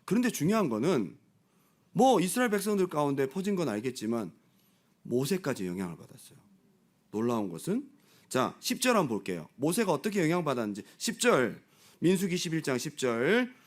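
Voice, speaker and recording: A male pastor leading a Bible study, talking in an animated way and acting out the voices of crowds and people in the story. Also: a little high, fairly quick. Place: church.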